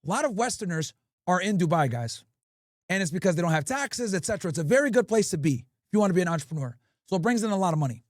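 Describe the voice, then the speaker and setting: Brash and profane, an English-speaking male streamer tells animated stories with plenty of swearing. He talks fast in a high voice, and the studio-quality audio carries no echo.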